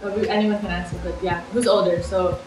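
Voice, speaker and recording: A young woman hosting a casual question-and-answer chat at a kitchen table, playful and quick to laugh. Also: fairly low pitch, fairly even intonation. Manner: chatty, playful, laughs often. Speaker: vlog host. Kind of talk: casual Q and A chat while eating. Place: home kitchen, indoors. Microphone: camera across the table. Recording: roomy kitchen sound, mic at a distance, music under.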